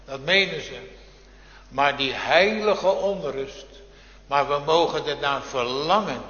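A man preaching a Reformed church sermon, slow and solemn, with fervent rising appeals to God. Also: fairly high pitch, pushed and bright. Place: church hall. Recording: dull, roomy church recording with long reverb.

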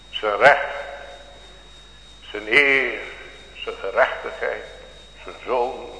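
A man preaches with a low, forceful voice, his words full of old-fashioned biblical phrasing. He speaks to his congregation in a church, and a long, roomy echo trails every line. A faint hum sits under the recording. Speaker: pastor. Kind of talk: sermon.

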